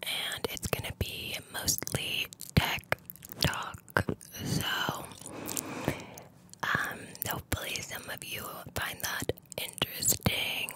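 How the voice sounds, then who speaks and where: Slow whispering woman, ASMR host. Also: rough recording. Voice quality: breathy whisper. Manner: lingering, repeats words in strings. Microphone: very close to the microphone.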